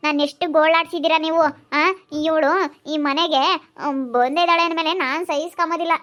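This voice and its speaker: A woman playing a defiant, hot-tempered young wife who argues in a shrill, indignant voice, in an amateur family drama. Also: fairly even intonation, a little fast, a bit bright.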